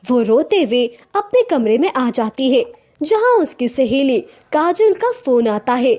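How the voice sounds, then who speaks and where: A woman narrating a cartoon story in a plain, steady storytelling manner. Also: sits high, a little slow.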